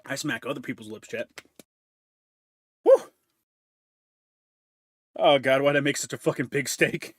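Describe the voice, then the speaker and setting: A man's voice: medium pitch, measured pace, pauses often, fairly bright tone, husky, no room sound, clean studio sound. A man streaming from home, chatting casually and crudely with his chat while eating and chewing into a desk mic. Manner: crude, joking, talks while chewing food. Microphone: desk mic with noise removal.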